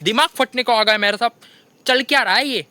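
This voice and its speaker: A young man with a Hindi accent tells comic stories of his kitchen mishaps, constantly saying "bhai sahab" in an animated monologue. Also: extremely high pitch, a little fast, clear, resonant tone, no echo. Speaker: comedian telling funny stories. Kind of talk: stand-up storytelling monologue.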